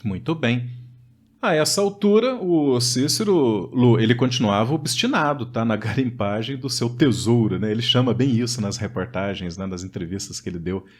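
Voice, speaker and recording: A man's voice: mid-range voice, lively intonation, moderate pace. A Brazilian man co-hosting a storytelling podcast, talking animatedly and turning to address the listeners directly. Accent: Brazilian Portuguese. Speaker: podcast co-host.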